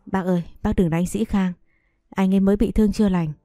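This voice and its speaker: A woman reading a gentle pleading young woman, soft and mellow. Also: mid-range voice, steady tone, fairly quick, no room sound, studio quality, soft background music, lightly acted. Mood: begging. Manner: begging, tearful.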